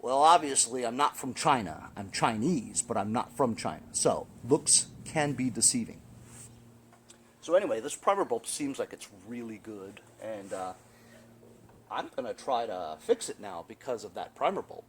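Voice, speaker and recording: A man's voice: medium pitch, expressive, normal speed. A middle-aged man hosting a casual repair video in a sunny backyard, explaining each step in a chatty way and often asking "right?". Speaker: small-engine repair video host. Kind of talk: casual hands-on repair walkthrough. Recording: outdoor background noise.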